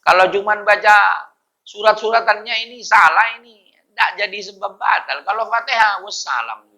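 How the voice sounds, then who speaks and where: A man's voice: high-pitched, normal speed, pushed and bright, rough recording. A middle-aged man, teaching a religious study class in a chatty, joking way and chanting verses to show correct recitation.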